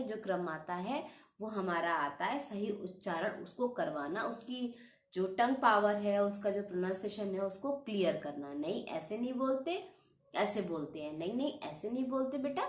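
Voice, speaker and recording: A woman teacher giving an explanatory lecture, mixing English terms into her speech and listing phrases in a steady, repetitive cadence. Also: fairly high pitch, roomy sound.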